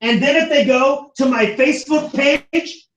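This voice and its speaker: A man from the United States teaching a class, animated and acting out the voices he quotes. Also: very high-pitched, measured pace, muffled recording. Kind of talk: classroom lecture. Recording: echoey classroom from far off.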